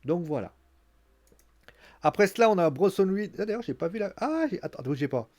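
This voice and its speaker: Animated French-speaking man reviewing wrestling. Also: sits high. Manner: animated, acts out scenes with quick exclamations. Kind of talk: casual commentary.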